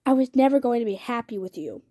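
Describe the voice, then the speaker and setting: A tense mother standing her ground in a storybook, read by a woman. She gives short, firm answers in a mellow, fairly high voice. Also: animated, fast talker. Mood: defiant. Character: frightened, tense mother refusing a stranger.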